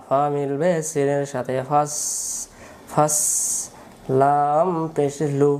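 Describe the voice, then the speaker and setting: A man's voice: fairly high pitch, darkish tone, a little hiss or hum. A man teaching Quran reading in a patient, repetitive syllable-by-syllable spelling drill. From Bangladesh.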